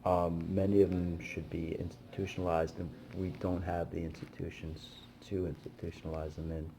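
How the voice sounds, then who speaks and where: A man's voice: low-pitched, normal speed, gravelly, slight background noise. A man, a busking musician, telling stories casually to camera in a rambling way with many fillers. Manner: rambling, many fillers, animated when retelling.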